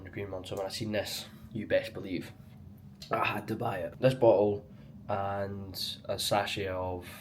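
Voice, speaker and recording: A man's voice: low-pitched, slight background noise. A young Scottish man chatting casually and colloquially to a handheld camera in a vlog. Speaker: vlogger, amateur marathon runner. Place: on the move around a city, partly outdoors. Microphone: handheld action camera.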